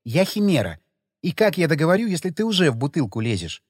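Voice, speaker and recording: A man voicing a level-headed, sharp-tongued young woman who reasons coolly. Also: on the high side, sing-song, fast talker, husky, no room sound, studio quality, in a large hall.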